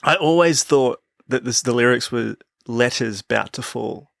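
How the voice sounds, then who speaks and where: A man's voice: medium pitch, normal speed, creaky, fairly bright tone, no room sound, studio quality. A man co-hosting a sports podcast, talking in a thoughtful, musing way and laughing easily. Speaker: podcast co-host. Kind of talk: casual chat.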